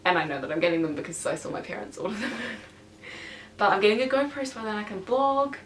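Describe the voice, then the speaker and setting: A teenage girl chatting to camera for her vlog, excitable and full of fillers, filmed on a stationary camera in her bedroom. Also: mid-range voice, brisk, a little hiss or hum. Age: teens. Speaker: vlogger. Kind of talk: casual chat to camera. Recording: roomy and distant from the camera.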